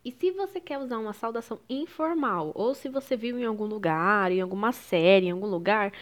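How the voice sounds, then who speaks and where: A woman's voice: mid-range voice, a little fast. A woman from Brazil with a Brazilian Portuguese accent, teaching a French lesson and explaining patiently, with French phrases mixed in. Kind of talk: online language lesson.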